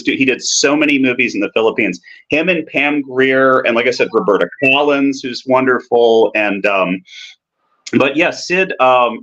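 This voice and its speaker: A man co-hosting a movie podcast, chatting casually and enthusiastically in a rambling, halting way with repeated words. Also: medium pitch, a bit bright, highs cut off. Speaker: film podcast co-host. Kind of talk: casual chat about cult movies.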